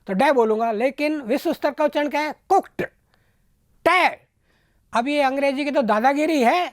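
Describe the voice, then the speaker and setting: A man with a strikingly high voice teaches as a spiritual teacher in a devotional discourse. He speaks at an unhurried, measured pace and repeats words to drive each point home. The sound is dry and close. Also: no room sound. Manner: slow, deliberate, repeats words for emphasis. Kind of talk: devotional discourse with pronunciation lessons.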